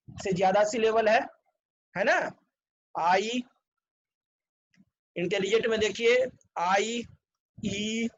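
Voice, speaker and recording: A man with a fairly high voice teaches a grammar lesson at an unhurried pace, spelling out each word letter by letter. He keeps asking his students whether it is clear. The recording sounds dull and lo-fi. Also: a little hiss or hum. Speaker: English teacher.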